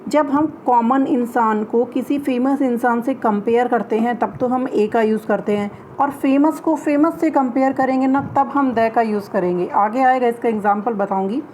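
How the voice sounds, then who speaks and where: A woman teacher explaining English grammar in Hindi, reading each English example sentence slowly and clearly. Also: on the high side, a little mellow, a little hiss or hum, poor audio. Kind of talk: classroom-style grammar lesson.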